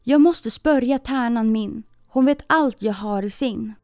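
A woman's voice: fairly high pitch, clean tone, dry recording, clean studio sound, soft background music, close to an everyday voice. A woman voicing a proud, harsh false bride in a storybook reading, speaking sharply. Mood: defensive. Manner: sharp, scolding.

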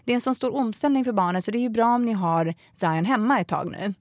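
A woman's voice: on the high side, a little mellow, no room sound, clean studio sound, lightly acted. A woman putting on the voice of a stern, passive-aggressive female preschool teacher who lectures a parent. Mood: scolding. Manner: lecturing, scolding.

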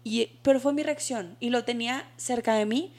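A woman co-hosting a podcast, speaking with a Mexican accent and lots of street slang. Her voice is somewhat high, and she tells stories with a lively, candid flow. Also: moderate pace. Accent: Mexican Spanish. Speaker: podcast co-host. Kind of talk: casual chat.

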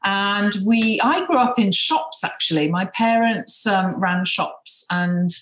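A woman's voice: medium pitch, takes it slowly, fairly bright tone, reverberant, rough recording. A woman in her fifties from the English Midlands, a guest in a podcast interview, chatty and hesitant with many ums. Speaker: guest, beauty brand founder.

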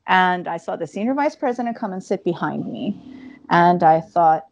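A woman in her thirties, an interview guest, telling her career story in an animated way with quick asides. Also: lowish voice, gravelly, lo-fi sound.

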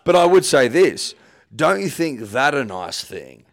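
A man's voice: on the high side, sing-song, unhurried, creaky. A man co-hosting a podcast, speaking in a mock-grandiose, preachy way. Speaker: podcast co-host. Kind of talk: casual banter.

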